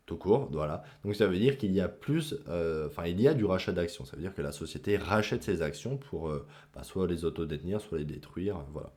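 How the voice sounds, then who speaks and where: A man explains investment charts to his viewers in a loose, conversational tone, full of fillers and small jokes at his own expense. His voice sits a little low and sounds mellow and soft-edged. He comes across as an amateur host rather than a polished presenter. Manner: chatty, filler-heavy, self-mocking asides. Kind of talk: casual screen-share explainer.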